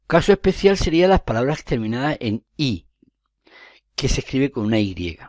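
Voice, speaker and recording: A man's voice: fairly low pitch, dry recording, clean studio sound. A man teaching a grammar lesson, explaining step by step, correcting himself and checking in with his listeners.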